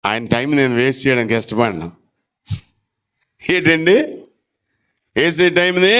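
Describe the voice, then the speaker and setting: Smooth-voiced preacher with a lively delivery. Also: male voice. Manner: animated preaching, with sudden drops to a low, soft voice; acts out dialogue and calls to the congregation. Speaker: pastor. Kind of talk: sermon. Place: church.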